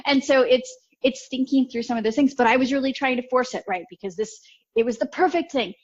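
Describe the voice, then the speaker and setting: A woman coach talking in a casual interview, telling animated stories and laughing often. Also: sits high, fairly quick. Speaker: podcast guest, coach. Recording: slightly dull lo-fi audio.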